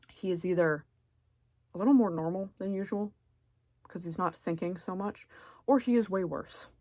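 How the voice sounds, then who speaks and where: A woman with a low voice talks through casual ranking commentary, sarcastic and deadpan but expressive. The sound is close and dry, with no room around it. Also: dry recording. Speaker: video creator.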